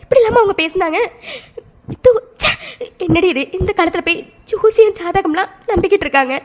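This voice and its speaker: A woman's voice: very high voice, lively intonation, a little fast, background noise. A woman voicing Vaishu, a worried young woman in a cartoon, questioning her friend with urgency. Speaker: cartoon character. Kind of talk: Tamil cartoon voice acting.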